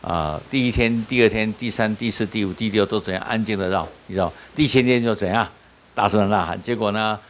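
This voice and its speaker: Male pastor, lowish voice, preaches in questions he answers himself, faint tape hiss. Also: a little fast. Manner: call-and-response, asks the audience questions and answers them; repeats "你知道吗" often. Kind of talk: sermon at a small-group leader training.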